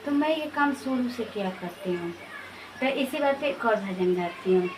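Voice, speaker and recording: A woman's voice: fairly high pitch, animated, normal speed. A woman vlogging at home while she cooks, chatting to her viewers and calling them guys. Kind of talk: casual cooking vlog. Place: home kitchen, indoors. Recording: echoey kitchen with background noise.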